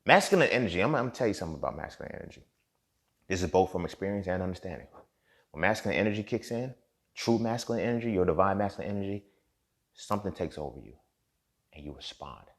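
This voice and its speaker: An expressive, fast-talking podcast host in his thirties unleashes a profane, fervent monologue. He veers from muttering under his breath to loud outbursts.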